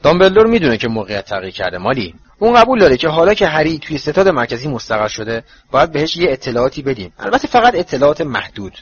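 A man voicing a weary, mild-mannered middle-aged father in a storybook reading, speaking in a tired, measured way. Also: a little high, very animated, slightly rough. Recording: dull lo-fi recording.

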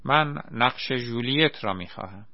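A man's voice: lively intonation, dry recording, highs cut off, close to an everyday voice. A man voicing a big, bearded, timid young volunteer who cries out in fright. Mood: naive. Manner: frightened, high-pitched cries.

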